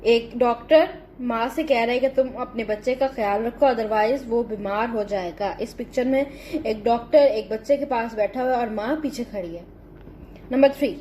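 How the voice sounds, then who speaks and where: A woman teacher, explaining a textbook lesson and reading English sentences slowly and carefully. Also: fairly high pitch, slight background noise.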